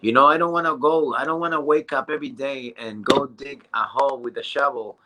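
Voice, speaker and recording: A man in his thirties giving an excited, casual motivational testimonial, often restarting and stumbling over his words. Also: medium pitch, noisy background. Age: 30s. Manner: excited and halting, with many restarts and fillers. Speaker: business testimonial speaker.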